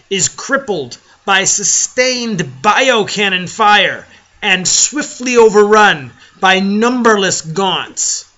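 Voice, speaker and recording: A man's voice: high-pitched, sharp tone, muffled recording. A man hosting a lore video, reading a scripted narration in a casual way and stumbling over names.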